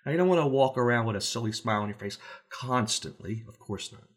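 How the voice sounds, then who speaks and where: Brief: male safety trainer, mid-range pitch, easygoing and folksy, acts out quick voices to make points. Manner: relaxed, folksy, uses everyday examples. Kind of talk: conversational instructional talk.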